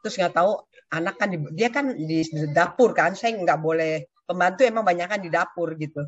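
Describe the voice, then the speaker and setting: Speaking at a normal speed in a low, slightly rough voice, an older woman gives a testimony to her church community. She's an animated storyteller who performs the quoted speech of others. The recording is dry, dull and lo-fi.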